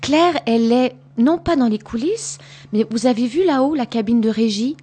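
With a warm, breathy voice on the high side, a woman from Canada speaks at a moderate pace. She's a stage actress answering children's post-show questions, patiently explaining theatre work and repeating words to stress them.

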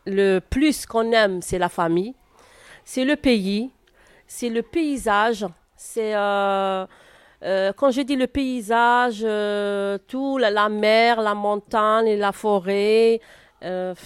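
An interview guest from Algeria, a woman whose first language is Arabic, answers a class's questions in a clear, mid-range voice. She sounds hesitant, with frequent filler pauses, and the recording is dry.

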